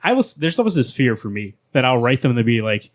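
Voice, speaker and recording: A man's voice: medium pitch, sing-song. A man hosting a podcast, chatting casually and enthusiastically, peppering his talk with "like" and "right". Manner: quick, enthusiastic, many likes and rights. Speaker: podcast host. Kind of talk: casual chat.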